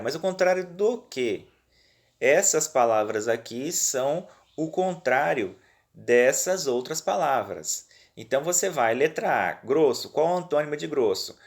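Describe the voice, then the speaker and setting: A male teacher with a Brazilian accent, explaining worksheet exercises to pupils in a patient, reassuring way and checking in often, recorded on a phone at home. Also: medium pitch. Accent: Brazilian Portuguese. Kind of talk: remote lesson walking through worksheets.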